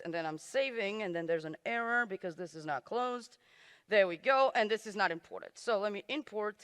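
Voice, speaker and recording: A woman's voice: mid-range voice, sharp tone. A woman giving a live coding talk at a conference, joking at her own expense as she types. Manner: self-deprecating, joking asides while typing. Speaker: conference speaker. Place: conference stage in a large hall. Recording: reverberant hall.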